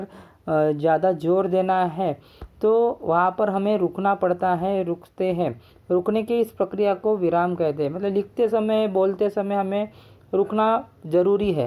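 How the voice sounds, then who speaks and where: A man's voice: high-pitched, mellow. Patient man teaching a grammar lesson. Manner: patient, repeats points with "ठीक है". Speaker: Hindi teacher.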